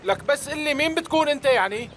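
A slippery Syrian small-time crook in a dubbed drama. He rattles along extremely fast in a high voice, all bluster and flattery. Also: slight background noise. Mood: defiant, uneasy.

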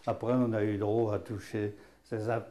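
A man's voice: lowish voice, little pitch movement, normal speed, warm tone. A man with a Picard accent teaching patois words in a folksy, chatty way, full of fillers and chuckles. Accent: Picard (Hainaut). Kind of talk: casual spoken lesson.

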